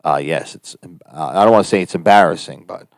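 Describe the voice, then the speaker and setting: A man's voice: deep voice, fast talker, vocal fry, no room sound. A man with a New Jersey Italian-American accent, co-hosting a casual live stream and rambling with many fillers and restarts. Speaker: co-host and actor.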